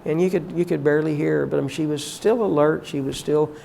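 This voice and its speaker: An older man, a college teacher, reminiscing about former staff in a heartfelt, halting way, often emotional and prayerful. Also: a little high, fairly even intonation, vocal fry, mellow, slight background noise.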